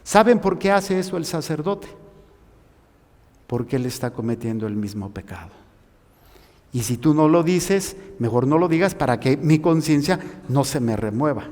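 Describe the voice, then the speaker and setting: A male priest with a Mexican accent preaching a sermon, building to passionate, near-shouted pleas. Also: a little high, animated, moderate pace. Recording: hall reverb.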